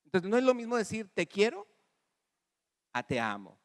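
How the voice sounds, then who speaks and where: A Mexican-accented man preaching in a big church hall, his voice somewhat high for a man and trailing off into long reverb. He is lively and talks straight to the congregation, acting out the lines of the dialogue in different voices. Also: moderate pace. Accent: Mexican Spanish. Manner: animated preaching with audience call-and-response; acts out dialogue in varied voices. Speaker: pastor. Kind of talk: sermon.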